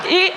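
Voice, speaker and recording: Woman, Quebec French accent, young adult, high voice, lively stand-up storyteller, stage mic. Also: heavy background noise. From Montreal. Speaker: stand-up comedian. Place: comedy club stage with audience. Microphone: handheld stage mic.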